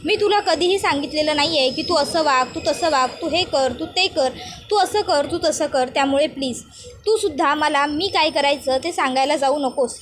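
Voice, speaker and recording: A stern young husband scolds and lectures with impatience, voiced by a woman retelling a serial. The voice stays high and light. A faint hum of ambience sits behind it. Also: normal speed, fairly bright tone. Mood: firm.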